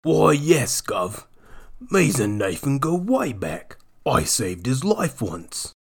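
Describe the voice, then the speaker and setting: A man voicing an oily, scarred old sailor with a rough working-class dialect. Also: mid-range voice, sing-song, slow, voice pushed up, heavily acted.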